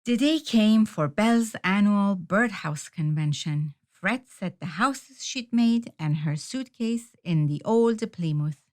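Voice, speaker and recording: A woman with a mid-range voice reads a children's picture book aloud. Her storytelling is expressive and deliberate.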